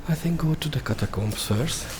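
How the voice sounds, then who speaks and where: A man's voice: a little high, expressive, a little fast, noisy background. Hungarian man in a large echoey church. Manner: hesitant, simple phrasing. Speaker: vlogger, tourist. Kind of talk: casual chat.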